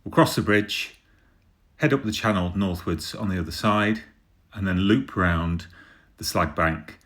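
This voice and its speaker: Low-voiced man narrating a route. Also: a little slow, a bit bright. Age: middle-aged. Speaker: vlogger introducing a route.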